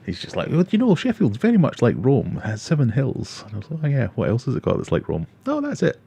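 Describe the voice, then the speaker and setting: His pitch swoops wildly around a mid-range voice, and he talks fast with a creaky, warm, breathy-edged sound. The man is a Scottish livestream host in his forties with a Glaswegian accent, casually reading comments and telling self-deprecating tales to viewers.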